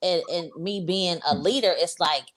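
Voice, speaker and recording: Low-voiced woman in her forties, matter-of-fact. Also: normal speed. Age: 40s. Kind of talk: casual podcast chat.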